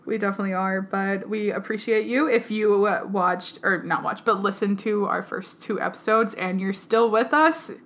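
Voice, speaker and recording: Bright-voiced young woman, echoey shared-mic podcast. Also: medium pitch, steady tone, moderate pace, few pauses. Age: 20s. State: has a cough and sore throat. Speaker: podcast co-host. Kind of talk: casual chat. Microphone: one mic shared by two people.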